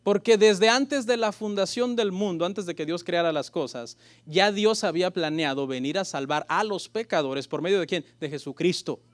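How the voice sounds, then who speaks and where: A man's voice: high voice, normal speed, hardly any pauses. A male pastor preaching a sermon. He asks the congregation rhetorical questions, calls them brothers, and briefly acts out the voices he quotes. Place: church.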